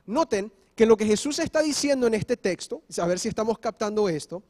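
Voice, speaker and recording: A man's voice: high-pitched, expressive, a little fast, darkish tone. A male pastor preaching a sermon, explaining step by step and often checking in with the congregation. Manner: switches briefly into English. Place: church.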